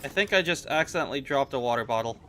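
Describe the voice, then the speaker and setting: Bright, lively man narrating gameplay. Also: medium pitch, rapid-fire, a little hiss or hum. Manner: chatty, self-mocking, thinks aloud. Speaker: gaming video host. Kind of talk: casual gameplay commentary.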